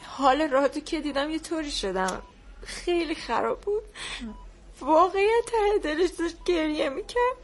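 An actress playing a young pregnant nurse who speaks quietly and tearfully. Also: female voice, high-pitched, lively intonation. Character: young pregnant female nurse, grieving and tender.

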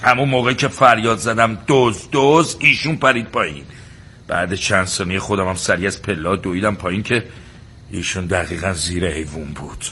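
A man's voice: low voice, bright, forceful tone, slight background noise. An actor playing an indignant male guest at a village inn who insists, exasperated, on his accusation. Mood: recounting.

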